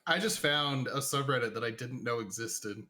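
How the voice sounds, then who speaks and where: A man's voice: mid-range voice, normal speed, bright, forceful tone. A man co-hosting a game stream, chatting in a playful, teasing way. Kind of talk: casual gaming stream chat.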